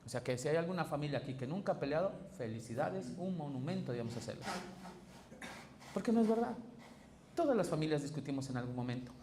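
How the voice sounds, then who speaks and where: Male pastor, emphatic sermon delivery, warm mellow tone, roomy church sound. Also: lively intonation, quick pace. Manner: emphatic preaching with big pitch swings and quoted dialogue. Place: church sanctuary. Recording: echoey church hall with faint noise.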